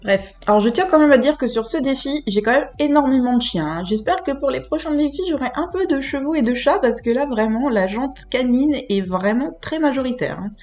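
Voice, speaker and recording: A woman hosts a video in a fairly high voice roughened by a hoarse smoker's rasp. She talks casually and directly to her viewers, in an informal, chatty way. The recording sounds a little dull and lo-fi. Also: animated, fairly quick, few pauses, a little mellow. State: hoarse, recovering from illness. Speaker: host of an animal photography channel.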